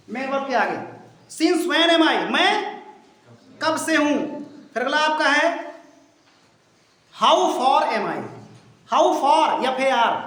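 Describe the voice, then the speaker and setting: High-voiced teacher in an echoey classroom. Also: male voice, a bit bright. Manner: drills phrases slowly, repeating and questioning the class. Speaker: English teacher. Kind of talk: classroom lesson.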